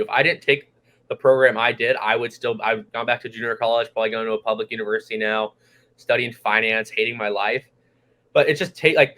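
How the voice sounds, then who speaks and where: A twenty-year-old man from California talks quickly and eagerly as a podcast guest. He fills his speech with "like" and laughs easily. His pitch sits in a middle range. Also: a bit bright. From United States, California. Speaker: guest, young real estate investor. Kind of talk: casual podcast chat.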